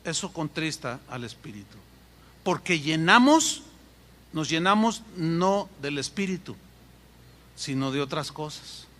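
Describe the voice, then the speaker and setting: A Mexican man preaches a sermon, emphatic and fond of pausing and repeating words. His voice sits high and bright. Long hall reverb trails after every phrase. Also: lively intonation, slight background noise. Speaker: pastor.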